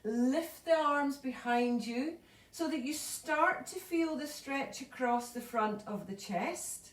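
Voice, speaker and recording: A high-voiced woman teaches yoga, slowly and calmly cueing each breath and movement. She sounds a little out of breath. Her voice comes from across an echoey room, some distance from the mic. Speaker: yoga instructor. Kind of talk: live online yoga class instruction.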